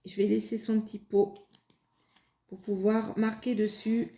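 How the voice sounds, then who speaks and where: A woman hosting a casual craft demonstration, taking her time with a soft, mellow voice. She talks hesitantly, with lots of fillers and restarts. The sound is roomy and echoey. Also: medium pitch, flat delivery, measured pace. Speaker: craft video host. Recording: echoey room.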